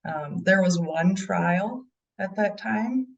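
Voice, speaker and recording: A woman's voice: medium pitch, slow, vocal fry, far from the mic, dull audio, slight background noise. A middle-aged mother answering interview questions in an earnest way, with frequent ums. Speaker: bereaved mother and guest.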